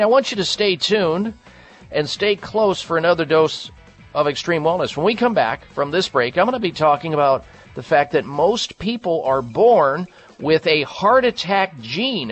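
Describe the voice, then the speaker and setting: Male talk radio host, fairly high voice, very animated, emphatic plugs with music underneath.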